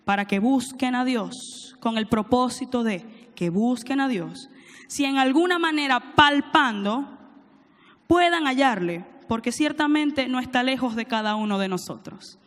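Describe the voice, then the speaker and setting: A woman preacher with a high voice delivers a sermon, reading verses aloud and asking the congregation to answer back. Her voice carries a long, ringing church reverb. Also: lively intonation, a little slow. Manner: reads scripture aloud, prompts congregation to answer. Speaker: preacher, church teaching director.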